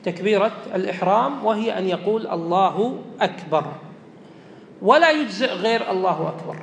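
Guy teaching a law lesson, reads a line then explains it over again, high voice, roomy hall sound. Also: animated, fairly quick, gravelly. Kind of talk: lesson explaining a read-out text. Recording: echoey hall with faint rumble.

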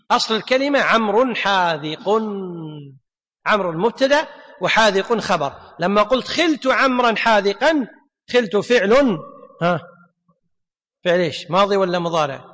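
A man teaching an Arabic grammar class. He quizzes students with quick questions and drawls out example words slowly. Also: sits high, lively intonation, a bit bright. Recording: long hall reverb.

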